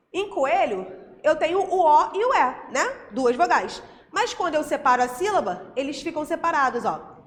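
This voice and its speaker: A high-pitched Brazilian woman teaches a grammar lesson in a patient, step-by-step way, tossing in short check-in questions. Her voice carries a long echo, as if recorded in a hard-walled room, with a faint hiss underneath. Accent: Brazilian Portuguese. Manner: explains patiently, checks in with frequent tag questions.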